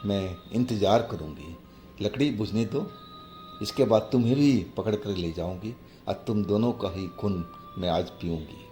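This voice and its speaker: A man voicing a bloodthirsty female witch spirit in a heavy, deep, threatening voice. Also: unhurried, dark tone, soft background music, natural voice. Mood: menacing.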